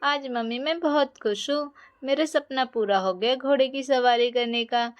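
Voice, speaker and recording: A woman's voice: high-pitched, a little slow. A woman voicing a cheerful young girl who chatters happily. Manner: cheerful, thankful. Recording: dull lo-fi recording.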